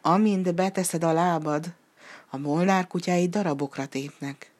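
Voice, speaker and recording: A woman voicing a calm, knowing young boy in a storybook who earnestly warns the animals. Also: fairly low pitch, lightly acted. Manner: earnest, warning.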